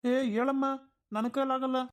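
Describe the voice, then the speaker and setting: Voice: high voice, flat delivery, moderate pace, natural voice. A performer doing a whiny, lazy grown son. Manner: whiny, complaining. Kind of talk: cartoon voice acting.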